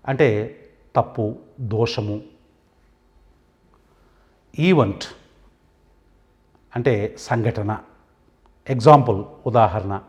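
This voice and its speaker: A man's voice: mid-range voice, lo-fi sound. Telugu guy going through english words one by one, says the word then what it means, plain mid voice. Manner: says each English word, then gives its meaning, pausing between items. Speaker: English teacher. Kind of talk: vocabulary lesson.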